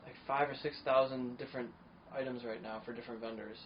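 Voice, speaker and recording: Talking fast with fairly even intonation, this mid-range male podcast host rambles enthusiastically through a casual chat, dropping in many fillers. The audio is dull and lo-fi, carrying a faint hiss.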